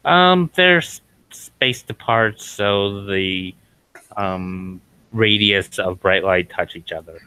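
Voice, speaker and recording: Slow, low-voiced man running a tabletop game. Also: pushed and bright, smooth, no room sound, rough recording. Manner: hesitant, lots of fillers. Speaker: game master.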